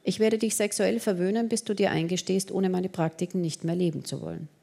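A woman's voice: fairly low pitch, steady tone, fairly quick, vocal fry, dark tone. A woman reading the lines of an earnest young man who pleads and persuades in an audiobook romance. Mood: persuasive.

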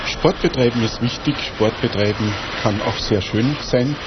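A man's voice: medium pitch, normal speed. A man presenting a radio programme from a script. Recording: dull sound with loud vehicle noise.

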